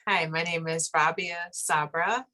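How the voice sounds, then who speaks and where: A woman from Colorado introducing herself in a slow, measured way. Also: low-pitched, steady tone, pushed and bright. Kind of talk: self-introduction.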